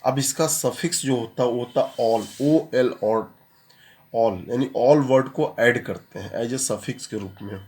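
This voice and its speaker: A man's voice: medium pitch, slow, darkish tone. A man teaching chemistry in a classroom-style lecture, explaining step by step, repeating key terms, and asking and answering his own questions.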